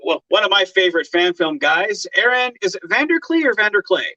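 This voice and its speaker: Guy hosting a fan chat, kinda high voice, says you know a lot, dull dry recording. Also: lively intonation, brisk, bright, forceful tone, no room sound. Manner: rambling, repeats words, many you-knows. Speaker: interview host. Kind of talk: casual interview chat.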